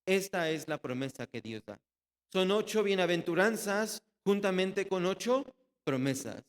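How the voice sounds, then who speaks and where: A man preaching a sermon to his congregation. He poses questions and answers them himself, and he lets his voice drop low and soft at the ends of phrases. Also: animated, a little slow. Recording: long reverb in a hall.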